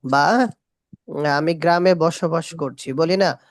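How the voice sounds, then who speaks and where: A woman teaching a spoken English class, repeating short English phrases slowly and quizzing her students. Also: low-pitched, no room sound, clean studio sound. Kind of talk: classroom lesson.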